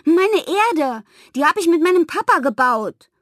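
A woman voicing a stubborn, bossy little girl, raising her voice into a high childlike tone. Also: very animated, a little slow, fairly bright tone, dry recording, studio quality, exaggerated voice. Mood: upset. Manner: high childlike voice, pleading then shrill.

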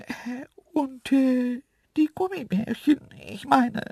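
A storyteller voicing two cheeky, teasing invisible antelopes in a high, sly, whispery voice. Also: slow, gravelly, dark tone, husky, no room sound, clean studio sound, full character voice. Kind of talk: audiobook storytelling.

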